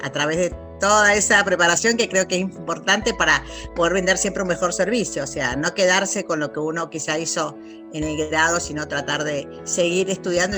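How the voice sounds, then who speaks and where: A middle-aged Argentine woman answering interview questions in a thoughtful, reflective way, often checking in with short question tags. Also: low-pitched. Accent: Argentine Spanish. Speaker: interview guest, lawyer and researcher.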